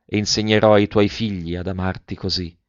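A man reading aloud and voicing a shy, innocent young girl who speaks softly and timidly, in a dull and slightly muffled recording. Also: lowish voice, steady tone, brisk, no echo, close to an everyday voice. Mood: candid. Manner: soft, hushed, timid.

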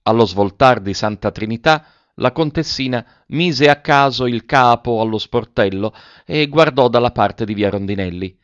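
A man narrating a novel aloud in a measured, even literary reading. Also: medium pitch, no room sound. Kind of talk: audiobook narration. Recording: dull lo-fi recording.

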